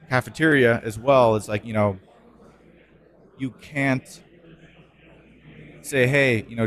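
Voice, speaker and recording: A man co-hosting a casual podcast, talking loosely with many fillers and restarts. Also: on the low side. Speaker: podcast co-host.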